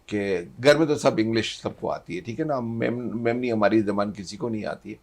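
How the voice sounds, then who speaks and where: A man's voice: on the low side, gravelly. A middle-aged man, a talk show guest who rambles and slips English phrases into his speech. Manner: mixes English into Urdu, rambling. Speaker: studio guest. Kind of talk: casual chat.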